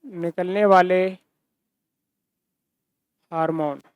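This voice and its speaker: In this classroom-style science lecture, a man from the Hindi-speaking Rajasthan region asks questions and answers them, going over key terms repeatedly. His voice sits high and smooth, steady in tone, with words drawn out. The recording is dry.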